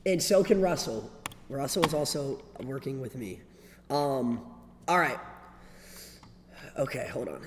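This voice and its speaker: A man's voice: mid-range voice, animated, measured pace, pauses often. A young man chatting casually to livestream viewers in slang and repeating himself. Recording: echoey reverberant room with background noise.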